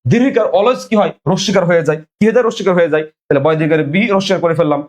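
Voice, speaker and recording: A man's voice: high voice, very fast. A young man teaching an online exam-prep lesson, drilling students with repeated questions and asking viewers to comment.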